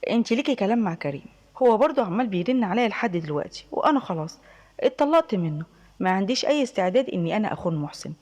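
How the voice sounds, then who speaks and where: A woman's voice: medium pitch, expressive, racing, darkish tone, in a large hall, natural voice. A woman with an Egyptian accent voicing her friend, a young divorced woman explaining herself earnestly and insistently.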